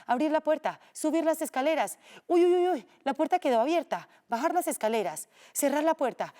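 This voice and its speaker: A woman's voice: high voice, darkish tone. A woman teacher telling a children's story in a playful, sing-song way, acting out the sound effects.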